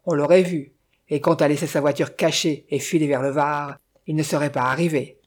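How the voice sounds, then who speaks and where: A reader voicing a rustic village innkeeper from a detective novel, a man who exclaims and doubts, with a husky voice. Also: medium pitch, fairly even intonation, brisk, natural voice. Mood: insistent. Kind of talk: audiobook character reading.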